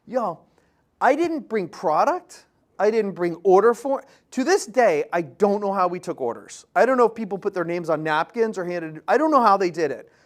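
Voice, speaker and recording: A man's voice: high voice, animated, normal speed. A man giving a motivational seminar talk on selling, telling stories with energy and firing questions at the audience in short, punchy phrases. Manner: punchy short phrases, acts out quoted dialogue. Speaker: public speaking and sales trainer.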